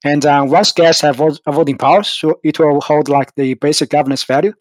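On a crypto community call, a project team member explains the token design in a casual AMA, sounding hesitant and using many fillers. His voice is on the high side and steady, and he talks fairly quickly. The recording is low quality, with no room sound.

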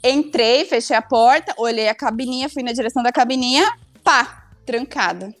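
A woman's voice: a little high, normal speed, no echo, faint music behind. A young woman tells a funny story casually, acting out her own lines. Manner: animated, acts out her own past lines.

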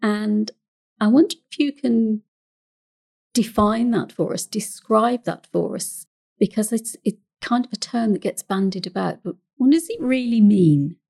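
A woman counsellor hosting a podcast, speaking in a calm, measured way with carefully chosen words and an English accent. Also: medium pitch, vocal fry, breathy edge.

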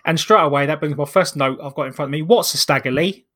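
A man's voice: on the high side, fast, a bit bright. A British man hosting a casual podcast chat with a jokey, sarcastic manner. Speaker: podcast host. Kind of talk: casual comedic wrestling review chat.

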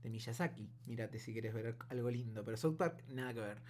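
A man with a Buenos Aires accent co-hosts a casual podcast. His talk is colloquial and meanders, with halting turns, at a middling pitch. There is clear background noise and a hum on the recording. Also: a little mellow. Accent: Buenos Aires Argentine Spanish. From Buenos Aires, Argentina. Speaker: podcast co-host.

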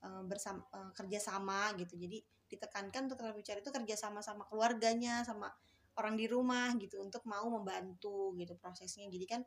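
A woman's voice: mid-range voice, steady tone, brisk. A woman speech therapist, a guest on an interview show, explaining her work in a casual, hesitant way with many fillers and restarts.

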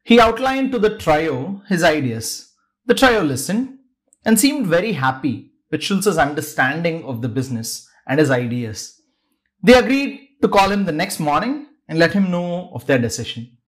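A man narrates a scripted podcast story. His voice sits a little high and swings widely in pitch as he builds the drama. He shifts his pacing to suit the tale. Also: sing-song, normal speed. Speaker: podcast host.

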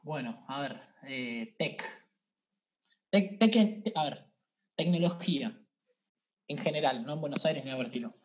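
An Argentine man speaks as a podcast guest, recounting his own experiences in lively, slangy Spanish. He keeps restarting his sentences as he goes, with the energy of a born storyteller. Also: on the high side, measured pace, pauses often. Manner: animated, colloquial, frequent restarts. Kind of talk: casual interview storytelling.

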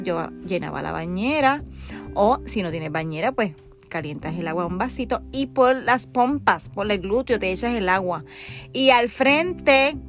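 A woman in her thirties with a Puerto Rican accent, hosting a podcast in a candid, chatty way that speaks straight to the listener. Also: medium pitch. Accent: Puerto Rican Spanish. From Puerto Rico. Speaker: podcast host. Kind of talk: casual podcast chat.

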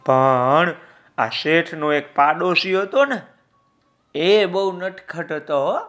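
A man telling a children's story, lively and speaking directly to his young listeners. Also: on the high side, slow, faint music behind.

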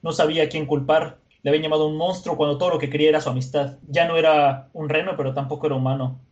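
A man casually retelling a comic chapter, lively, slangy, and laughing easily. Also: on the high side, rapid-fire, dull audio. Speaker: podcast co-host.

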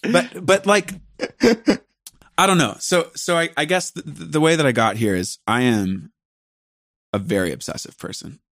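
A man's voice: fairly high pitch, moderate pace, long pauses, a bit bright, no echo, studio quality. A man hosting a podcast, talking casually in a rambling, self-deprecating way that jumps between thoughts. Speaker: podcast host and musician.

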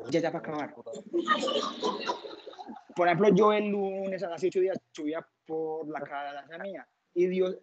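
A man giving an informal preaching testimony to a group, halting often with stammered restarts and repeated words. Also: fairly high pitch, fairly even intonation. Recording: dull lo-fi recording.

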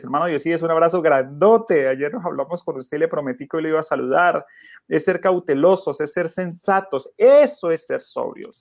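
A man's voice: a little high, gravelly, no echo, clean studio sound. A man preaching earnestly, asking his listeners rhetorical questions. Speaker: pastor. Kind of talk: radio Bible study preaching.

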